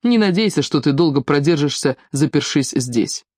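A woman's voice: sits low, lively intonation, moderate pace, a little mellow, no room sound, studio quality. A woman reading a pompous middle-aged male burgomaster who coaxes and snaps in turn. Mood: irritated. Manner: alternately coaxing and angry.

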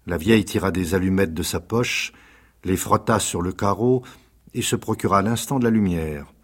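Husky low man reading a dark tale. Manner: measured, dramatic storytelling. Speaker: reader. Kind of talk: scripted dramatic narration.

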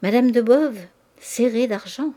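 A woman reading a classic novel aloud in measured, even narration. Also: a little high. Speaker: audiobook reader.

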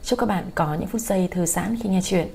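A woman narrating a story as a reader for her audio channel, in a calm, even storytelling manner. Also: lowish voice, fairly quick, vocal fry, slight background noise. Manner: calm, even storytelling with dialogue voiced lightly.

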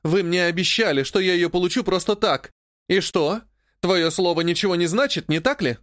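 A man's voice: high voice, normal speed, a bit bright, no echo, studio quality. Yulianna, a whiny spoiled noblewoman voiced by a man. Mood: petulant. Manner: whiny, petulant, sobbing. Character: capricious spoiled young noblewoman, whiny sister.

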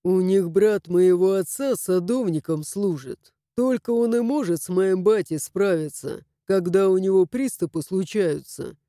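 A woman voicing a calm, earnest young man who is a loyal friend, in an audiobook reading. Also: mid-range voice, measured pace, no room sound, clean studio sound, close to an everyday voice. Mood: explaining. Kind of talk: audiobook character voice.

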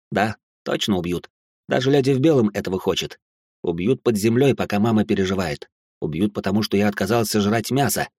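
A man narrating a first-person audiobook in a steady, tense way. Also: medium pitch, no room sound, studio quality.

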